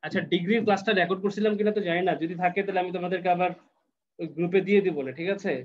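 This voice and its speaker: A man's voice: high voice, flat delivery, very fast, muffled recording. A man teaching an English class online, patiently explaining step by step and checking that students follow.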